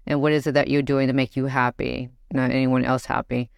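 A woman's voice: rumbling low, flat delivery, brisk, vocal fry, smooth, no room sound. A woman hosting a business podcast, talking with a guest in an encouraging, coaching way. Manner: encouraging, coaching tone, fillers like "you know". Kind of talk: casual podcast interview.

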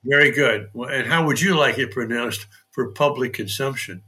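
An older man, a priest, hosting a podcast interview, with dry humor and frequent throat clearing. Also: mid-range voice, normal speed, sharp tone. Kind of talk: conversational interview.

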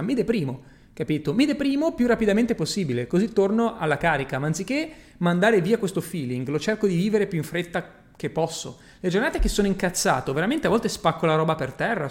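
Male coach on a casual livestream, a touch higher-pitched than most men, blunt and emphatic, swears freely, keeps checking the listener follows. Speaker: personal growth coach. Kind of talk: casual livestream talk reading viewer comments.

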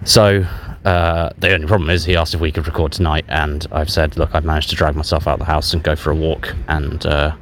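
A man with a very deep voice records a confessional audio diary on a dictaphone. He is subdued and self-deprecating, speaking in halting, candid phrases. The outdoor recording carries some background noise. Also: flat delivery. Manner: hesitant, halting, candid with frequent long pauses. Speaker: podcast host. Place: outdoors in a public park while out walking. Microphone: handheld voice recorder. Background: outdoor park ambience.

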